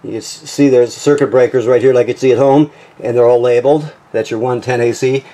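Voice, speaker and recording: A man's voice: mid-range voice, fairly even intonation, brisk, dark tone, low-quality recording. A man giving an informal, instructional product walkthrough, explaining features plainly and often checking that he is followed. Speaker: RV walkthrough technician. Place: in and around a travel trailer.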